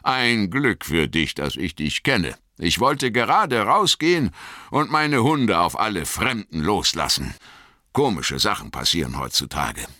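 A man voicing a stout, red-faced hobbit farmer in an audiobook, gruff but hearty, with a loud, folksy manner. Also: lowish voice, big pitch swings, a little slow, no room sound, studio quality, voice pushed up, full character voice. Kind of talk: audiobook character voice.

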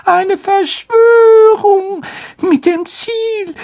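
Actress doing a tiny male house-elf, very high, squeaky and hoarse, slow and teary, storybook audiobook. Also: a little mellow, full character voice. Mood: tearful. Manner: squeaky, slow and pleading, on the verge of tears.

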